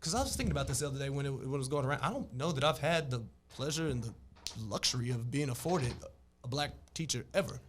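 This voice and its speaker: A man's voice: mid-range voice, animated, fast, a little hiss or hum. A young man from Texas, earnestly telling his own story in a casual podcast chat. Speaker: podcast co-host.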